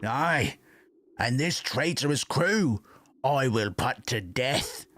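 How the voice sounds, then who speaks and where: A man's voice: mid-range voice, lively intonation, slow pace, a bit bright, a little hiss or hum. A man voicing a stern, controlling king and father in a stage play, declaiming pompously in archaic English. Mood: menacing.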